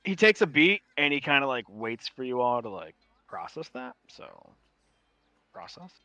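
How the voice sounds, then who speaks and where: A man with a New York accent narrating a tabletop game as game master, with a halting, emphatic delivery. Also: medium pitch, big pitch swings, bright, forceful tone, no echo.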